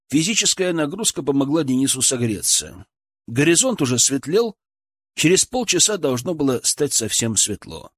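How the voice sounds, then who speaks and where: A man narrating an audiobook in an expressive, lively storytelling manner. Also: medium pitch, husky, dry recording, studio quality.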